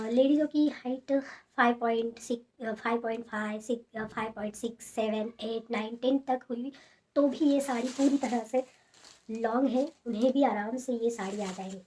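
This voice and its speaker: A young woman talking softly and casually at home, showing sarees in a haul video with many fillers. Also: fairly high pitch, husky. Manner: soft, hushed talk with many fillers. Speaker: fashion vlogger showing sarees. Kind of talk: casual product haul chat.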